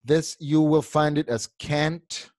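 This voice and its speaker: A man teaching an online English class, repeating English phrases slowly and switching to quick Spanish explanations. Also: on the high side, steady tone, a little mellow, no echo, clean studio sound. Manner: switches between slow drilled English and quick Spanish asides.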